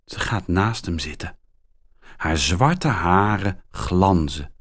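A man reading a children's story aloud, very slowly and with clear, expressive articulation. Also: sits low. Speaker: narrator.

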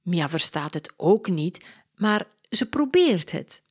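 A woman reading a simple story aloud slowly and clearly, as a narrator. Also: on the low side, very animated. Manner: very slow, clear, deliberate. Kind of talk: slow storybook reading for learners.

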